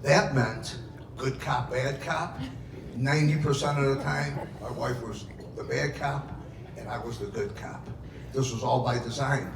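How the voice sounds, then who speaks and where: A man's voice: mid-range voice, steady tone, unhurried, creaky. Echoey middle-aged man giving father-of-the-bride speech. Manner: heartfelt, anecdotal storytelling with dramatized quotes. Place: wedding reception room. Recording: echoey, noisy event room, distant mic.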